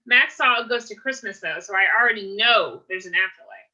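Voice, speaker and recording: A woman reading aloud, voicing a chirpy, lively young woman at an office desk. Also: mid-range voice, fairly quick, poor audio. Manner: chirpy, flustered.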